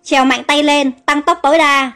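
A bossy ship captain, as a woman narrator puts him on, drives his crew with harsh commands in a storybook reading. Her pitch stays high despite the gruff role. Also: steady tone, normal speed, a bit bright. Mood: commanding. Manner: barking commands.

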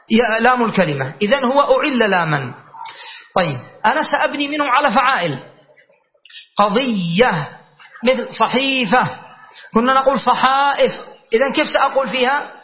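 A man teaching an Arabic grammar class, explaining rules, reciting verse lines slowly and quizzing his students. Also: very high voice, expressive, lo-fi sound. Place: classroom with a board.

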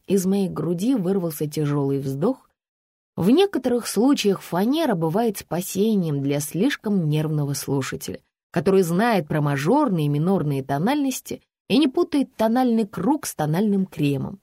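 A woman narrating a humorous story in the first person with expressive, ironic delivery. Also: fairly low pitch, normal speed, dry recording, clean studio sound. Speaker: audiobook narrator.

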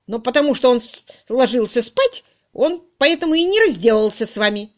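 Woman reading shrill bossy village charwoman, loud, high, audiobook. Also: lively intonation, a little fast, natural voice. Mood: blunt. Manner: brusque, shrill, exclaiming. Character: loud bossy countrywoman, middle-aged charwoman.

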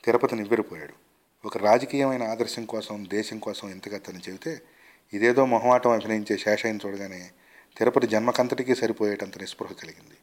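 A man with a low voice reads a short story aloud. He tells it in a measured, expressive way, lingering on lists and turns of the tale. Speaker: story reader.

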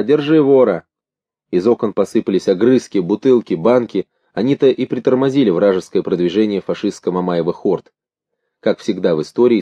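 A man reads a story aloud with a dark, mellow voice, pacing it in measured, expressive phrases. The recording is dull and lo-fi, with a dry, close sound and no room around it. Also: low voice, breathy edge, no echo. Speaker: audiobook narrator. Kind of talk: literary audiobook reading.

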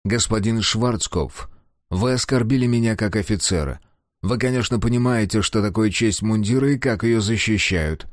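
A man reads a composed young officer in an audiobook, cool and calculating, with formal, measured speech. His voice sits low and dry, near the mic. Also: dry recording, natural voice.

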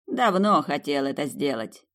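Woman reader doing a teasing male demon, slow and sly, audiobook. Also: sits low, sing-song, fairly bright tone, heavily acted. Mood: mocking. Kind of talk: audiobook character voice.

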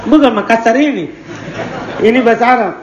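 A man's voice: very high-pitched, a little fast, highs cut off, crowd noise. A man teaching a classroom lesson, reading a text aloud, translating it and quizzing his students with questions. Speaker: teacher of Arabic morphology. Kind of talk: classroom lesson with call-and-response. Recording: echoey room, faint background noise.

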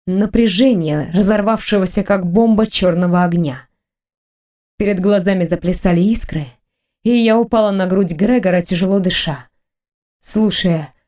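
A woman narrating a first-person audiobook in a slow, sensual, intimate way. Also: mid-range voice, mellow.

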